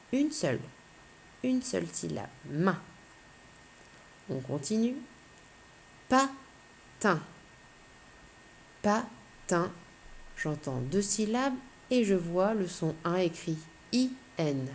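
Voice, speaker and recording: A woman teacher giving a slow, clear phonics lesson to young children, patiently spelling out letters one by one. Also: on the low side, very animated, dark tone, slight background noise.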